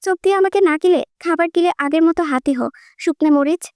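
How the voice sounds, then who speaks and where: A woman's voice: very high-pitched, quick pace, darkish tone, no room sound. Taunting young man, voiced by a woman reader, audiobook story, dry read. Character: teasing young man, cousin.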